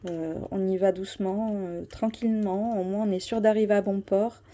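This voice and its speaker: A woman's voice: mid-range voice, steady tone, normal speed, warm tone. A woman chatting casually about her tarot cards, hesitant, with many fillers and restarts. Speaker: tarot vlogger. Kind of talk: casual show-and-tell.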